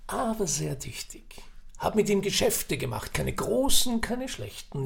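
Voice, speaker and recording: A man's voice: fairly high pitch, vocal fry, voice pushed up, heavily acted. A man voicing an older, chatty and scheming businessman in an audiobook reading. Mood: gossipy. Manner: persuasive, wheedling, talkative.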